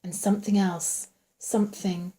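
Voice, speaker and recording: A woman reads a horror novel aloud in a hushed, suspenseful voice of middling pitch. She draws out the creepy passages and at times sinks into a whisper. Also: little pitch movement, normal speed. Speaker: audiobook reader. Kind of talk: dramatic horror novel reading.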